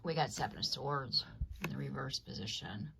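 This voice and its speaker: A woman's voice: rumbling low, moderate pace, vocal fry, noisy background. A woman reading tarot cards for an audience in a rambling, conversational way, often checking in with "you know what I mean.". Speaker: tarot reader. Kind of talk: casual collective tarot reading to camera.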